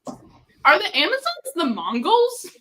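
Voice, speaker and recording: A woman chatting casually on a group podcast, dropping quick jokes. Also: very high-pitched, wildly swooping pitch, pushed and bright, slight background noise. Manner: joking, quick quips.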